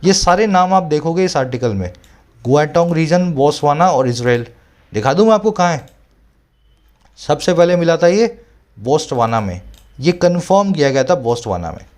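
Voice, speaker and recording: A man's voice: on the high side, animated, darkish tone. Man tutoring English in Hindi. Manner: explains in Hindi mixed with English terms, reads English text slowly; asks frequent rhetorical check-ins. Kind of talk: explaining grammar and vocabulary to exam students.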